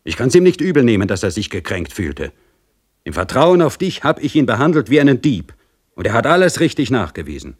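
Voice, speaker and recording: A man's voice: mid-range voice, very animated, brisk, husky, pitched above the performer's own voice. A man reading aloud voices a brusque, blustering middle-aged police officer who scolds and gives orders. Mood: scolding.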